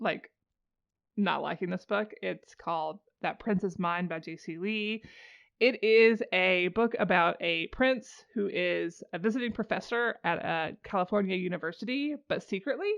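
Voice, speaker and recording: Gravelly woman chatting about books. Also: on the low side. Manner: animated, incredulous rhetorical questions. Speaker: podcast host. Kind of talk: casual book chat. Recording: slightly dull lo-fi audio.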